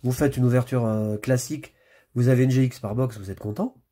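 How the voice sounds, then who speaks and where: A man's voice: medium pitch, fairly even intonation, a little fast, dark tone. A man casually commenting as he opens trading card packs, chatty and muttering card names as he flips through them. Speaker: YouTuber opening card packs. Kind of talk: casual pack-opening commentary.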